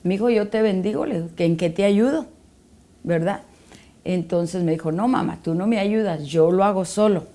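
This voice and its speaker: A woman's voice: medium pitch, normal speed, warm tone. A middle-aged woman giving a personal faith testimony as a guest, telling a story and acting out the dialogue.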